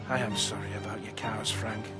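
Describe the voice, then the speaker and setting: An actor playing an easygoing villager in a video game, placating and reassuring. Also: male voice, a little high, expressive, a little fast, loud music behind the voice, close to an everyday voice. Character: easygoing rural male villager.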